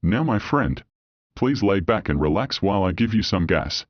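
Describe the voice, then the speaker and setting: A man's voice: deep voice, very animated, no echo, lo-fi sound, pitched below the performer's own voice. A man doing Wags, a big jolly dog dentist. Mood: welcoming. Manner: fast, cheerful, coaxing talk. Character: large cheerful male dog dentist, scheming.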